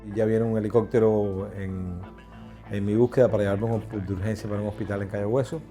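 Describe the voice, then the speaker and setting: A man's voice: fairly low pitch, fairly even intonation, fairly quick, mellow, soft background music. A middle-aged man with a Cuban Spanish accent, telling his own story in an interview and acting out the voices in it. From Cuba. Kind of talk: personal storytelling.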